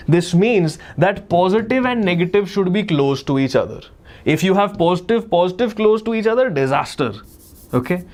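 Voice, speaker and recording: Male online tutor, North Indian accent, slightly high pitch, explains step by step with emphatic repetition. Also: a little mellow. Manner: emphatic, repeats key phrases and questions; switches between English and Hindi. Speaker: chemistry teacher. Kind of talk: live online exam lesson, explaining step by step.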